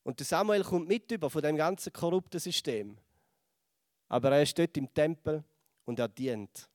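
A Swiss German preacher who retells an old story with animation, sometimes sinking to a near whisper. His voice sits slightly high, and the sound is close and dry with no room around it. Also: normal speed, no echo. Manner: lively storytelling, acts out voices and drops to a hush. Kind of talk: sermon retelling a Bible story.

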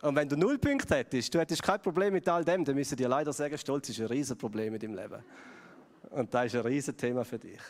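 A man's voice: medium pitch, expressive, fast. A man with a Swiss German accent preaching a sermon in a conversational way, putting questions to his audience. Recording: long hall reverb.

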